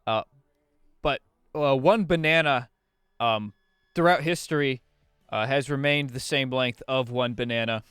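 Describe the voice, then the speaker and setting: A young man co-hosting a comedic radio talk show, playful and full of halting fillers and restarts, speaking into a studio microphone. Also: mid-range voice, fairly bright tone, clean tone, dry recording, soft background music.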